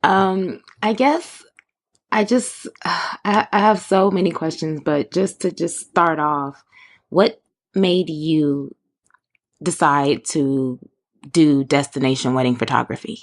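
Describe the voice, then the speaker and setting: A woman's voice: low-pitched, slow pace. A woman hosting a podcast, gushing with enthusiasm as she opens the show and asks a guest questions. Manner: gushing, enthusiastic, fond of words like crazy and wild. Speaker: podcast host. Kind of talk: podcast intro and interview.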